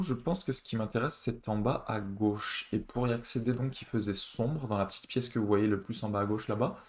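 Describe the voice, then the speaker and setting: A man's voice: fairly low pitch, darkish tone. A man from France with a French accent, giving casual let's-play commentary while swearing and chatting. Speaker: streamer.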